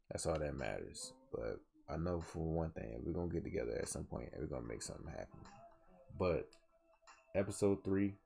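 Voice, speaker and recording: A young man from southwest Georgia in the US hosts a solo podcast in a bass voice that's gravelly and a little mellow. He talks earnestly but rambles, restarting often, and sounds tired, yawning as he goes.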